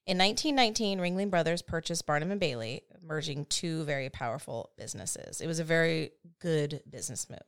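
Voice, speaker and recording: A woman in her thirties hosts a casual storytelling podcast, chatty and quick to laugh at herself. Her voice sits fairly low yet swoops around animatedly. The tone is smooth and clear. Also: lively intonation. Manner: chatty, laughs often, self-deprecating asides. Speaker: podcast host.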